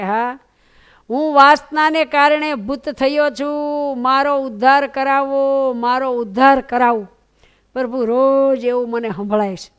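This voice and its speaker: A woman voicing a grieving widowed village woman who pleads tearfully in prayer. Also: high-pitched.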